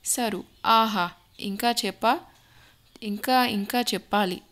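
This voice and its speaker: A woman's voice: mid-range voice, slow pace, fairly bright tone. A woman voicing a young woman teasing her fiancé in an audio story, coy and playful.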